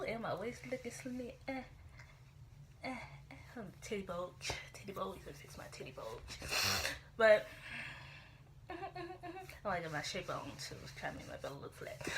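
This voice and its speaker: Rambling and chatty, a young Chicago vlogger talks casually to her camera, drifting between thoughts and peppering her speech with "like" and "you know." Her voice is a little low yet bright and forward, with a faint hiss of room noise in the background.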